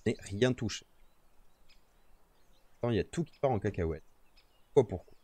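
A lowish, mellow male voice with a breathy edge and lively intonation moves at normal speed, with no echo. Out in nature, he's casually live-streaming, talking to himself and viewers while he adjusts his streaming mic with its noise gate.

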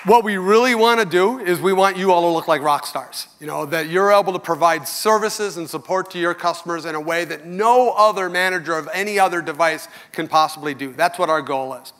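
A man's voice: high voice, brisk, few pauses, a bit bright. A middle-aged man on a large conference stage giving a keynote speech to customers, in an earnest, conversational and candid manner, speaking into a headset mic. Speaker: company executive giving keynote.

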